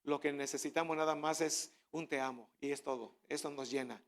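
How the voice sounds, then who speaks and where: A middle-aged man preaching a sermon, talking conversationally with many rhetorical questions, then building to loud, fervent declarations. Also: fairly high pitch, fairly even intonation, fairly quick. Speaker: pastor.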